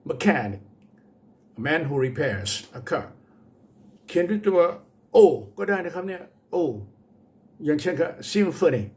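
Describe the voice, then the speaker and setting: A man with a Thai accent teaching English pronunciation, speaking slow deliberate English with hesitant fillers, spelling words letter by letter and switching quickly into Thai explanations. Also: a little high, animated. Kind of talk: bilingual pronunciation lesson.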